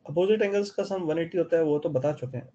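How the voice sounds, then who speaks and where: Talking fast, an Indian-accented man teaches a geometry lesson online, breaking it into steps and checking in with his class. He's a math teacher with a fairly high, warm voice, heard through dull audio.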